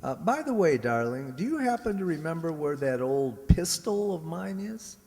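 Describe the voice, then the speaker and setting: An actor playing a scheming robot posing as a suave husband in a radio play, smooth and coolly menacing. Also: male voice, fairly high pitch, very animated, normal speed, a little mellow. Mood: smooth, casual. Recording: echoey hall, stage radio play.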